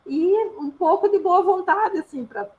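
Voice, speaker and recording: A woman's voice: extremely high pitch, expressive, measured pace, darkish tone, highs cut off. A woman speech therapist with a Brazilian accent, giving an informal, patient explanatory talk with frequent little tag questions. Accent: Brazilian Portuguese.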